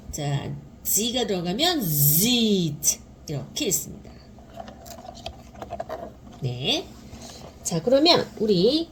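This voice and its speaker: A woman teaching beginner English phonics, sounding out each word slowly and repeating it. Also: on the high side, slight background noise. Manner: drawn-out repeated sounding of words. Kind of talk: slow explanatory teaching.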